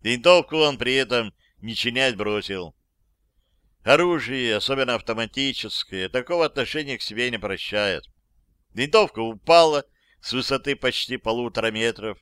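A man's voice: medium pitch, animated, moderate pace, a bit bright, clear, resonant tone, dry recording. A man narrating a first-person audiobook in a wry, dry storytelling manner.

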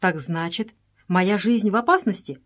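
A woman's voice: mid-range voice, measured pace, lightly acted. A woman voicing a grumbling English servant man who complains indignantly and pleads in a storybook reading. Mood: alarmed.

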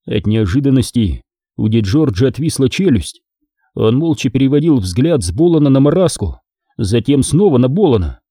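A man reads an audiobook thriller with lively, expressive intonation. His voice is warm and mellow with a husky edge. The recording is dry and close to the mic. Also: medium pitch, normal speed, no echo. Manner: expressive storytelling. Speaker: audiobook narrator. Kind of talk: audiobook narration.

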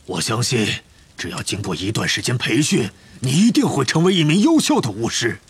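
A man voicing a huge, gruff, hot-tempered half-giant groundskeeper in an audiobook, with a rough voice and booming outbursts. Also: sing-song, brisk. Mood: gentle. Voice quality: gravelly, rough. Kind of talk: audiobook character reading.

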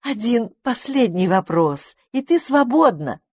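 A woman voicing a kind female spell-caster who speaks gently and soothingly. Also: fairly high pitch, very animated, measured pace, husky, no room sound, studio quality, pitched above the performer's own voice, full character voice.

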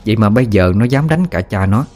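A man reads a ghost story aloud in a low voice. His narration is steady and even. Faint music sits under the reading. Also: quick pace. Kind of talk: scripted narration.

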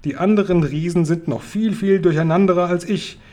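A man reading a children's book aloud, voicing a huge, kindly, muddle-headed male giant who booms and mixes up his words. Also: brisk, warm tone, close to an everyday voice. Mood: blustering.

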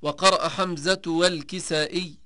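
A man teaching Quranic reading variants, stating each case plainly and then chanting the verses slowly and melodically. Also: on the high side, steady tone, pushed and bright, no echo, studio quality. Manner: measured explanation, slow melodic chanting of verses. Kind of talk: recitation lesson on Quranic readings.

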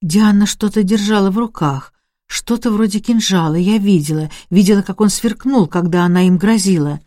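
A woman doing an excited, observant young woman. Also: mid-range voice, moderate pace, no echo, clean studio sound, close to an everyday voice. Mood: insistent.

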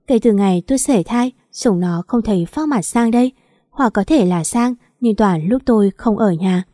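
A woman's voice: medium pitch, dark tone, no room sound, clean studio sound. A woman narrating a story in the first person, wry and confiding.

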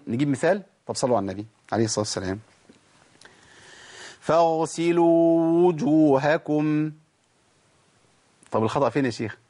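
An Egyptian man teaching Quran recitation in colloquial Arabic, asking questions and answering them himself, then reciting verse fragments slowly to show mistakes. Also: fairly high pitch, husky. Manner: lively, asks and answers his own questions, demonstrates verses slowly. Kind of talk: colloquial Egyptian tajweed lesson.

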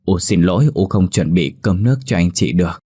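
A man's voice: sits low, fairly quick, warm tone, dry recording, studio quality. A man voicing a sick grandmother, speaking weakly and apologetically. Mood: feeble apology. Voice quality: weak, breathy. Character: frail sick old grandmother over eighty, meek and apologetic.

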